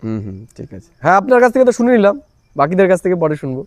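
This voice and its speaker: A man's voice: high voice, very animated, very fast, darkish tone, no echo. A man teaching a spiritual class, coaxing listeners again and again to speak up and answer. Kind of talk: leading a spiritual class with questions.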